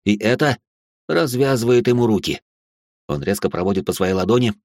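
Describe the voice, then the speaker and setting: A man narrating a story in the first person, tense and expressive, breaking into outbursts, close to the mic. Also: lowish voice, a little fast, no room sound.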